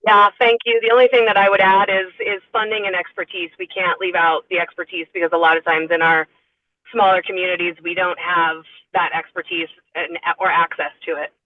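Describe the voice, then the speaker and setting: A woman calling into a remote meeting from a car speakerphone while driving, reporting for her group in a halting way with many fillers. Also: on the low side, level tone, dry recording. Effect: car speakerphone call. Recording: tinny phone line from a moving car.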